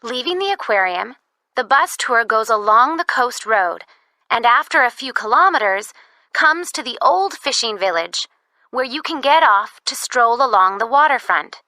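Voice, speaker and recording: A woman playing the announcer of a recorded phone message, giving scripted tourist information in a measured way. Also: fairly high pitch, animated, sharp tone, no echo. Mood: informative, upbeat. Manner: measured, clearly scripted presentation. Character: woman announcer on a bus tour information line.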